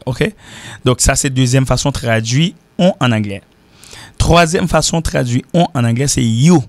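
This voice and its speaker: A man's voice: medium pitch, gravelly, no room sound. Haitian man teaching, dry close sound. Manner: repeats example sentences slowly, switching between French and Creole. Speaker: English teacher. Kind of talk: informal language lesson.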